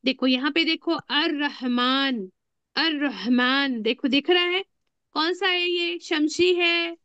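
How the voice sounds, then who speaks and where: A woman teaching an Arabic grammar class, often asking her students questions and repeating key words slowly. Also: very high voice, a bit bright, dry recording, highs cut off. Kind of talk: classroom lesson explaining rules with questions to students.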